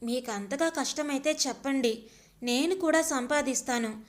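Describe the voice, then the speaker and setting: A timid young wife, voiced by a woman narrator, speaks up hesitantly and with hurt. Her voice is high and soft-edged. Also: moderate pace, natural voice. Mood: hurt pleading. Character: timid young housewife pleading with husband.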